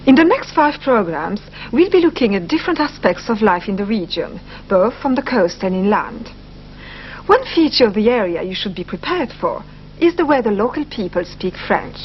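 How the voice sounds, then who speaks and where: A woman's voice: medium pitch, sing-song, moderate pace. A woman presenting a language course, carefully explaining and repeating phrases for learners. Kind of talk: scripted educational narration. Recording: slightly muffled broadcast audio, faint hiss.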